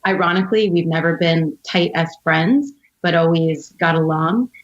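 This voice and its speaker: Muffled audio captures a woman from outside Philadelphia, an entrepreneur in her thirties, as she tells personal stories on a podcast in a reflective, articulate, conversational way. Her voice is on the low side and her pace moderate.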